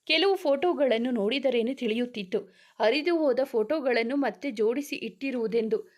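A woman narrating a romantic storybook in a steady, expressive reading style. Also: a little high.

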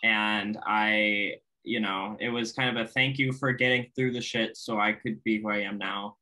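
A man with a bright, forward voice talks as an interview guest. He speaks softly and reflectively, laughing often between his thoughts. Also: on the low side, steady tone, moderate pace, poor audio. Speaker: guest, singer and YouTuber. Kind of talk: casual interview chat.

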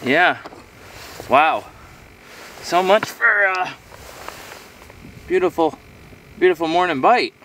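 A man's voice: high-pitched, expressive, slow, long pauses, bright, forceful tone, far from the mic, slight background noise. Rambling man vlogging outdoors in winter. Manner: rambling, easygoing, talking to himself while eating. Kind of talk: casual solo vlog. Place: outdoors on a frozen lakeshore in winter. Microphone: camera on a tripod a few metres away.

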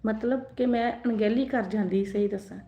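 A woman's voice: mid-range voice, fairly quick. A young adult woman giving earnest spiritual advice in a live-stream talk, often asking the listener questions. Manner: earnest, advising directly, asks listeners questions. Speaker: religious speaker. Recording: echoey, dull lo-fi sound.

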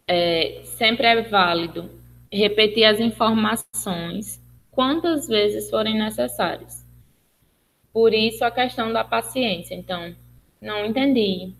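A woman's voice: mid-range voice, slow, fairly bright tone, poor audio. Brazilian woman giving a webinar talk. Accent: Brazilian Portuguese. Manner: explanatory, with many fillers and restarts, acting out example phrases. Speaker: speech therapist lecturer. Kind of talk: webinar lecture.

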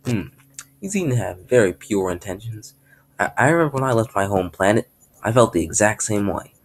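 A man's voice: on the low side, animated, a little fast, slightly rough. A man voicing an eccentric, cheerful circus clown with a grand showman's delivery, in a storybook reading. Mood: enthusiastic.

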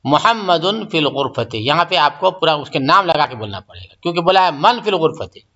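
Male teacher, fairly high and bright voice, slow and patient, repeats every phrase; dull lo-fi recording. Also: expressive. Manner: patient, repeats each phrase and explains step by step. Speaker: Arabic teacher. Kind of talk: recorded grammar lesson.

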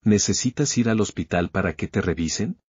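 A man voicing a gentle worried young wife. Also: lowish voice, fairly quick, breathy edge, no room sound, lo-fi sound.

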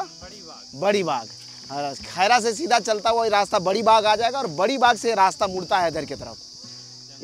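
A man giving lively travel-vlog commentary outdoors on a forest trail by a waterfall, talking straight to viewers and chatting with people he meets. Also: high-pitched, a little hiss or hum. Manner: lively, addresses viewers directly, chats with passers-by. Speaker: travel vlogger. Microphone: camera filmed by a companion while walking.

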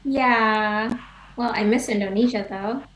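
A woman's voice: on the high side, measured pace. Giggly young woman on an echoey video call. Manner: bashful and giggly, mixing languages. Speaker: guest. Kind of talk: casual video-call chat. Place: home room with bookshelves, indoors. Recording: echoey room.

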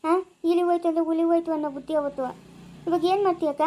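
A woman's voice: extremely high pitch, fairly even intonation, rapid-fire, dark tone, slight background noise. A woman playing a village neighbor woman who speaks bluntly and consoles a friend. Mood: sympathetic. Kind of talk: amateur family drama.

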